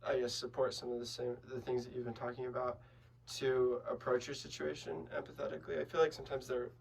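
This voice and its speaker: A man interviewing a guest on a podcast, asking tentative, halting questions. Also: mid-range voice, gravelly, breathy edge. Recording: distant mic.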